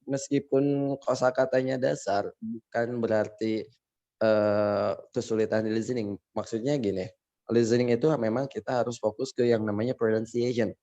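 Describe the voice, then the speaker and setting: A man's voice: fairly low pitch, fairly even intonation, normal speed, warm tone. Male English teacher, Indonesian accent, chatty, laughs a lot; muffled classroom recording. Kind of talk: classroom lesson, casual explaining. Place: classroom with students.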